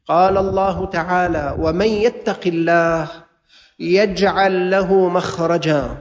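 Levantine male preacher, high-pitched, exhorting, long hall reverb on a dull lo-fi recording. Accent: Levantine Arabic. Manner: exhorting, mixing classical recitation with colloquial asides. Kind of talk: sermon.

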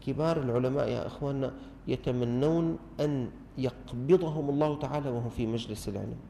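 A middle-aged man with a Damascene Arabic accent giving an animated religious lesson to a gathering, full of rhetorical questions and teasing mimicry. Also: medium pitch, quick pace, vocal fry, a little hiss or hum. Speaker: religious teacher. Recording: long hall reverb.

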